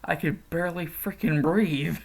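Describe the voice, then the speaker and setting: Exhausted, confused ninja warrior voiced by a male storyteller, breathless, gravelly. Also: fairly high pitch, a little slow. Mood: bewildered.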